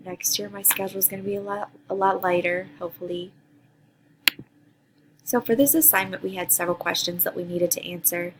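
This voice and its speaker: A Costa Rican woman in her thirties, a teacher, gives an earnest introduction to a graduate course, partly reading prepared answers with a few ums. Her voice sits on the low side with fairly even intonation and a slightly quick pace, over a noisy background.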